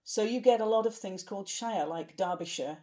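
A woman's voice: mid-range voice, brisk, a loud crowd. A woman from Yorkshire with a broad Yorkshire accent, chatting casually as a podcast co-host and explaining things. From Yorkshire, England. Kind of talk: casual chat, explaining local dialect.

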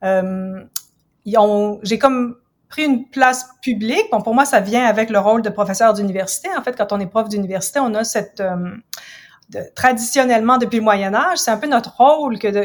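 A woman in her fifties from Ottawa, a university professor and writer, speaking as a guest in a casual interview in a reflective, measured, explanatory way. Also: fairly high pitch. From Ottawa, Canada. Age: 50s.

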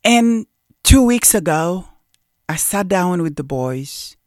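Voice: medium pitch, animated, slow, darkish tone, no echo, clean studio sound. A show host giving an emotional, heartfelt monologue with a preacher-like cadence.

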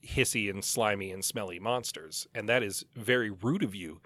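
Casting: man, bright forward voice, wry podcast co-host chatting about books, dry studio-close sound. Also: fairly low pitch, normal speed, dry recording. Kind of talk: casual book discussion.

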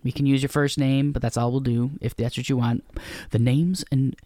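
A man's voice: medium pitch, little pitch movement, normal speed, warm tone, dry recording, studio quality. A man co-hosting a casual relationship podcast, rambling and jokey, laughing between phrases. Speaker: podcast co-host.

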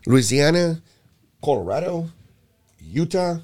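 A man from Puerto Rico who runs a youth basketball program, speaking in a casual conversation with an animated, emphatic delivery and frequent repeated words. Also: fairly high pitch, slow pace.

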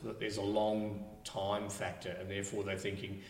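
Host, distant and echoey. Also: male voice, lowish voice, monotone, normal speed. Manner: joking, leading questions. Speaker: podcast host. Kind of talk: casual podcast conversation. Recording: distant echoey mic with faint noise.

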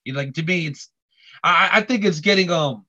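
A man chatting casually on a podcast, halting with many restarts and repeated words. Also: a little high, pushed and bright. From Korean heritage. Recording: dull lo-fi audio.

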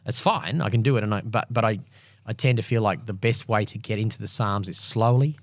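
A man co-hosting a podcast, talking quickly through Bible passages in casual chat with restarts. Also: lowish voice, no echo. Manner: quick, thinking aloud with restarts. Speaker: podcast co-host.

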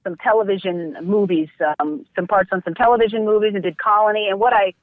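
A woman's voice: mid-range voice, fairly even intonation, fast talker, no echo. A woman actress and dancer talking in a chatty, effusive way as a guest in a phone interview. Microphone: telephone. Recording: tinny dry phone line.

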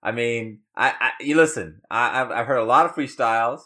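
A man's voice: mid-range voice, sharp tone. A man who is a guest on a podcast, chatting casually and stumbling over his first words. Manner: halting, repeats words when starting a thought. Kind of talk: casual chat.

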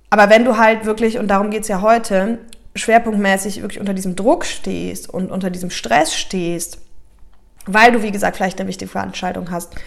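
A woman hosting an advice podcast, explaining in a casual, gentle and reassuring way and acting out examples of inner dialogue. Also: medium pitch, creaky. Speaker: podcast host, coach.

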